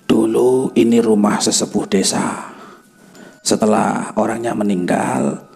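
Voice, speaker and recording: Man playing a brusque village elder type, sharp scolding tone, horror story. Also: on the low side, a little slow, creaky, faint music behind, pitched above the performer's own voice. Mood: curt. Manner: curt, sharp, Javanese-tinged scolding. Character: stern older male village guide.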